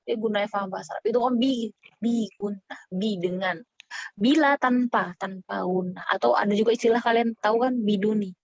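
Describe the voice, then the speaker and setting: A woman's voice: mid-range voice, brisk, no room sound, dull audio. A woman teaching a casual online Quran recitation lesson. She explains in a chatty way and keeps checking whether her students follow along.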